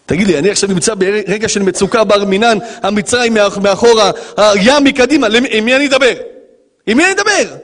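A man, a rabbi giving an animated Torah lesson, dramatic and joking, acting out dialogues. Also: high voice, hardly any pauses, big-room sound. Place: yeshiva lesson hall.

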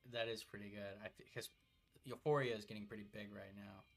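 A man's voice: lowish voice, steady tone, fairly quick, vocal fry. A young man co-hosting a podcast, chatting casually about a video game while playing, rambling with lots of fillers and swearing. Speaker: podcast co-host.

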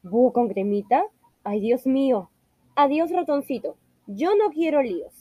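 A woman's voice: high-pitched, expressive, measured pace, no echo, lo-fi sound. A woman voicing a hungry, sly owl who coaxes and then scares easily. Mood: nervous.

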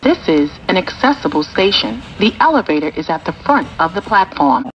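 A woman's voice: on the low side, very animated, moderate pace, highs cut off, faint music behind. A woman reading scripted public transit announcements as a train announcer.

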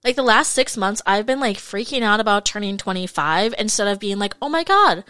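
A woman's voice: mid-range voice, lively intonation, fairly quick, sharp tone, clean tone, no echo. Woman, mid-twenties, casual podcast chat, frank, filler-heavy, dry close sound. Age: 20s. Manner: chatty, frank, fillers like "like" and "you guys". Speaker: podcast host. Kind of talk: casual solo podcast monologue.

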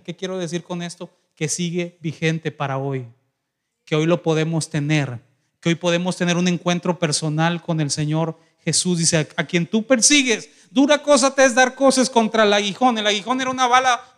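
A man with a high voice preaching a sermon as pastor. He acts out the voices in the stories he tells. He puts questions straight to the congregation. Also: a bit bright. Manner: dramatic preaching, acting out quoted voices.

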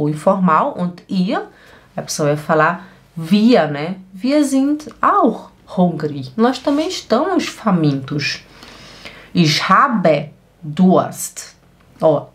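Brazilian woman teaching German slowly. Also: mid-range voice. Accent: Brazilian Portuguese. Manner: slow, drawn-out model phrases with quick asides. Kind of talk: online language lesson.

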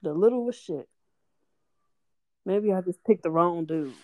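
The audio is dry and a bit dull, carrying a woman's lowish voice at a measured pace. Chatting casually, she tells animated stories, cursing and laughing a lot and acting out quotes from the people involved.

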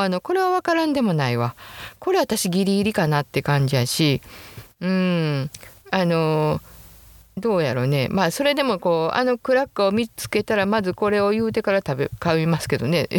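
A woman in her sixties with a Kansai accent hosting a casual solo talk show from her home closet, chatty and quick to laugh at herself. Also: lowish voice, no room sound. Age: 60s. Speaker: podcast host.

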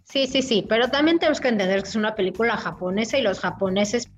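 A woman, co-hosting a casual film review chat, animated and full of restarts. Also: on the high side, quick pace, dull audio, music in the background. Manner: animated, talks through restarts and fillers. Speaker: film podcast co-host.

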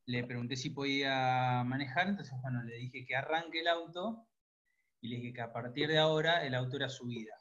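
A man, a coaching student, informally recounting something in an online class, halting as he searches for words. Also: mid-range voice, steady tone, a bit bright. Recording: dull, lo-fi online call audio.

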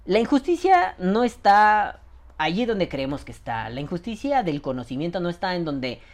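A man's voice: high voice, normal speed. A man in his thirties with a Mexican accent, a show host ranting casually and profanely, often imitating other people. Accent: Mexican Spanish. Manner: profane, animated, mimics other people's voices. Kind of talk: casual rant monologue.

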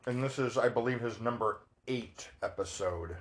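A man co-hosting a casual podcast, talking slowly with many pauses and fillers. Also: medium pitch, slight background noise. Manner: slow, hesitant, many fillers. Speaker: podcast co-host. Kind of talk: casual chat.

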